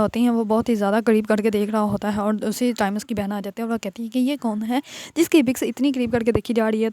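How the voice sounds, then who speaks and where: A woman casually retelling a drama episode as a narrator, often pausing on hesitant filler sounds. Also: fairly high pitch, dark tone, dry recording.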